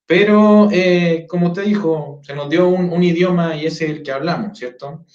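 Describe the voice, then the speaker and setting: A man's voice: a little high, moderate pace, darkish tone. A man hosts a casual online interview, often adding tag questions and restarting his sentences. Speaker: host. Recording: echoey, dull lo-fi sound.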